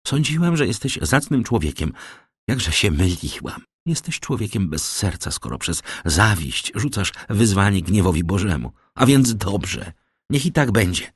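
A man's voice: lowish voice, very animated, a little slow, breathy edge, no room sound, clean studio sound, exaggerated voice. A man voicing a poor young village woman, firm and earnest as she turns down a suitor. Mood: passionate.

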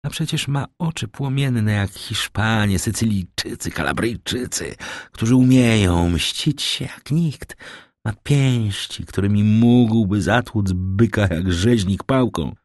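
A man voicing a scheming, envious man who talks in a low, sardonic mutter. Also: slow pace, dry recording, studio quality.

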